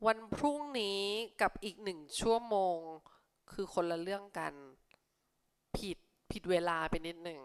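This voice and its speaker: A young woman tutoring children for an English exam, reading English lines slowly and explaining them in a friendly, teacherly way. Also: on the low side, smooth. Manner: friendly teacherly tone, ends with polite particles. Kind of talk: exam answer walkthrough for young pupils.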